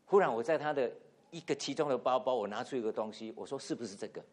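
A middle-aged man, a pastor, telling a lively story in a sermon and acting out the dialogue, with English words mixed into his speech. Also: mid-range voice, quick pace. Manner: animated anecdote with acted-out quotes, code-switching English words.

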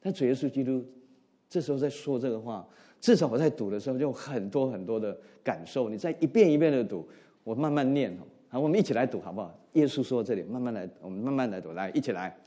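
This sermon comes from a middle-aged pastor with an expressive, mid-range voice who talks fast. He preaches earnestly, shifting from emphatic rises to soft falls and working English words into what he says.

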